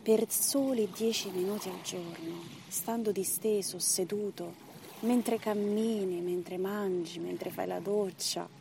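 A woman leading a guided breathing meditation as instructor, in short measured phrases and counts with pauses between them. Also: medium pitch, steady tone, gravelly, background noise.

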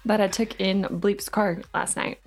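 A woman's voice: mid-range voice, steady tone, slightly rough. A woman guest on a podcast, telling a story in casual chat, laughing often and stopping and starting. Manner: laughing, halting, quick bursts.

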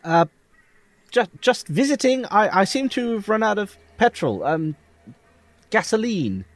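A man's voice: high-pitched, sing-song, measured pace, no room sound, voice pushed up. A man playing a flustered 1930s motorcycle traveller in a tabletop game, hesitant and stumbling over his words.

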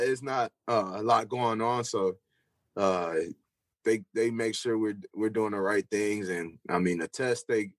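A man's voice: lowish voice, no echo, low-quality recording. A young man, a football player, answering interview questions casually with lots of fillers and restarts. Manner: loose, rambling, with many fillers and restarts.

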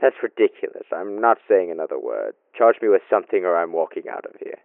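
A man's voice: sits low, big pitch swings, fast talker, creaky, dry recording, narrow, tinny audio, exaggerated voice. An actor playing an evasive male landlord under interrogation, stammering and indignant as he protests in an amateur audio drama.

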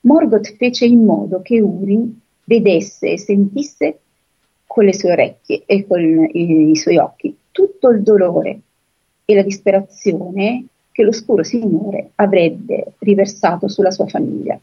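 A woman retelling a fantasy story in an unhurried way, pausing often with filler sounds and reading passages aloud from the book. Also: medium pitch, dark tone, breathy edge. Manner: unhurried, pauses often with filler sounds while she explains. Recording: dull lo-fi recording with faint music.

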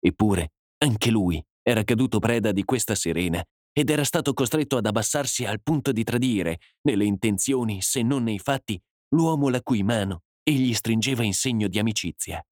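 A man narrating a dramatic story as an audiobook, in a measured, dramatic way. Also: lowish voice, lively intonation, a little mellow, no room sound, studio quality.

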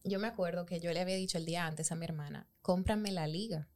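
A Dominican woman, a recent bride, telling the story of her wedding day in expressive casual chat. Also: lowish voice, very fast. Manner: expressive, dramatic retelling.

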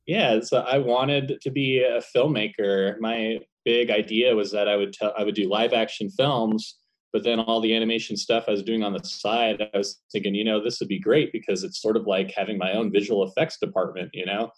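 A man, a paper cutout animator, talking casually in a relaxed, rambling way with frequent laughter. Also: on the low side, moderate pace, rough recording. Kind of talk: casual conversation.

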